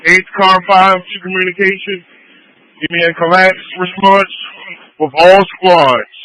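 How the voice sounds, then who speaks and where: A male fire officer transmits fireground traffic over a two-way radio. His voice is high and forceful, with a very dry sound. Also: fairly even intonation, unhurried, no room sound, low-quality recording.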